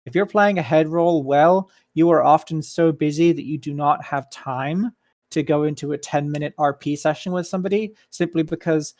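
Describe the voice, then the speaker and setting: A man at an online community meeting, explaining his views in a measured way with frequent ums. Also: on the high side, a little mellow, no room sound, clean studio sound. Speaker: staff member at a community meeting. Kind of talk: casual voice chat.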